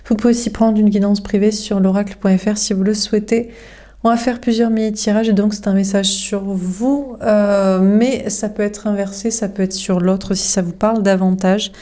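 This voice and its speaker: A woman's voice: mid-range voice, steady tone, moderate pace, dark tone. A young woman giving a casual tarot reading, frank and chatty, with many fillers. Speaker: tarot card reader.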